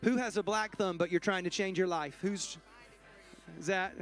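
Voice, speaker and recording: A man's voice: high-pitched, fairly even intonation, normal speed, fairly bright tone, faint music behind. A man, a pastor joking playfully with his congregation while he runs a raffle from the church stage. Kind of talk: church service announcements and raffle.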